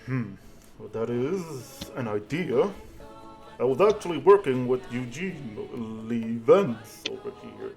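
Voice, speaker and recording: A man's voice: medium pitch, big pitch swings, slow pace, vocal fry, a little mellow, faint music behind. A man running a tabletop game as game master, narrating and speaking for characters, with frequent fillers and restarts. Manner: hesitant, with many fillers and restarts.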